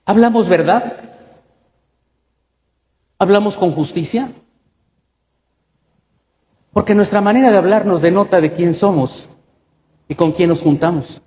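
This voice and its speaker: Male Mexican pastor, emphatic sermon delivery, higher voice, long church-hall reverb. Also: unhurried, long pauses, a little mellow. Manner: emphatic, asks many rhetorical questions.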